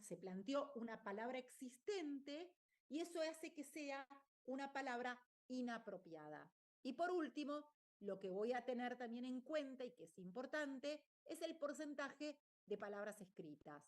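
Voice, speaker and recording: Higher-pitched woman teaching a lesson. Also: darkish tone. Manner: explanatory, checks in with "¿está bien?". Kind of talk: online lecture.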